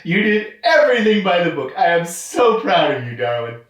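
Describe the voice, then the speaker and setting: An actor playing a folksy, teasing older uncle in an audio drama, hamming it up affectionately and mischievously. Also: male voice, high voice, very animated, moderate pace, a bit bright. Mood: gleeful mockery. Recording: very echoey room, distant from mic.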